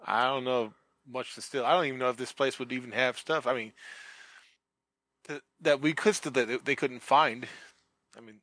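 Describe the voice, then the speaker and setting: Bright-voiced man at a game table. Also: medium pitch, fairly even intonation, moderate pace, no echo. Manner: chatty, thinks aloud. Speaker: player. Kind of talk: casual game table chat.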